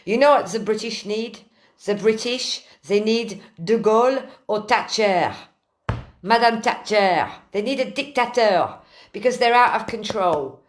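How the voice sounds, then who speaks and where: A woman putting on a blunt Frenchman. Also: high voice. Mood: stern. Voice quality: mock accent, deliberately broad. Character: blunt French man, stern, lecturing.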